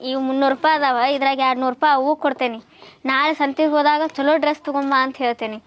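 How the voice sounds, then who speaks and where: A woman's voice: sits high, steady tone, fast talker, natural voice. A young woman playing a bossy student elder sister, speaking. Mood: firm. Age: young adult. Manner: bossy, reproachful. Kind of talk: village short-film acting.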